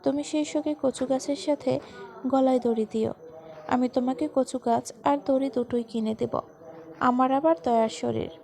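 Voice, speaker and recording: A woman's voice: high voice, steady tone, moderate pace, vocal fry, mellow. A woman reading the lines of a playful, teasing young grandson in a storybook tale, with a joking, cheeky manner.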